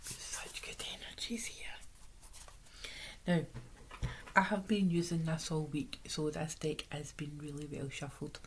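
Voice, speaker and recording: A Scottish woman with a hoarse, sore-throat voice, chatting casually through a tarot reading in a rambling, conversational way. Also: deep voice, steady tone, normal speed, a little hiss or hum.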